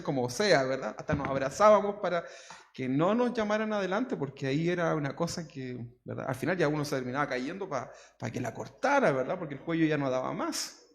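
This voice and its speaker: Pastor, gravelly voice, reverberant hall. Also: male voice, a little high. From Chile. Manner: constantly adds tag questions to the congregation. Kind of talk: conversational sermon. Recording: long church hall reverb.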